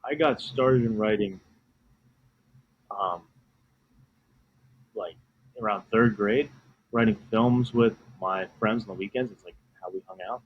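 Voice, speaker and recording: Low-voiced young man on a muffled line. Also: measured pace, long pauses, slight background noise. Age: 20s. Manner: eager, conversational storytelling. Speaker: author guest. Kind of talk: casual podcast interview.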